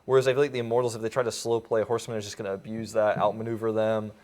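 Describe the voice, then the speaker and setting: A man's voice: fairly low pitch, flat delivery, racing, a little mellow. A man casting an esports match, chatty and joking, with lots of fillers. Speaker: esports caster. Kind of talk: casual esports commentary.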